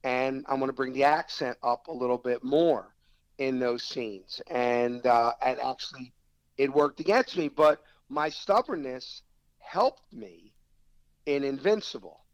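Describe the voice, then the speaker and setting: Here an actor guest with a South Philadelphia accent talks at an unhurried pace in a medium-pitched voice. His recording is dry and muffled. In this casual interview he tells animated anecdotes, performing the lines other people said to him.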